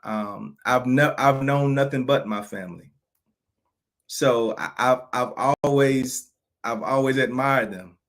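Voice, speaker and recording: In a mid-range, slightly bright voice, a man in his 30s speaks slowly through an unscripted personal monologue for his vlog. He sounds frank and aggrieved, often starting over and repeating phrases.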